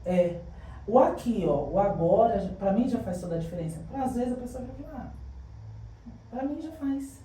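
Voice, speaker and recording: Animated São woman, echoey room. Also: medium pitch, fairly quick, a little hiss or hum. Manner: animated, acts out dialogue in her stories. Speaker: guest, public school director. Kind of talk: casual podcast storytelling. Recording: echoey room, distant mic.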